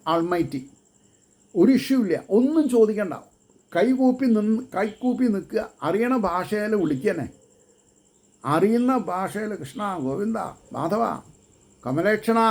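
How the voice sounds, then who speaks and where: Man, high voice, unhurried devotional preacher who chants verses between explanations. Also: a little mellow. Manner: chants verses slowly, then explains in quick bursts. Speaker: devotional speaker. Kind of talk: Malayalam devotional discourse.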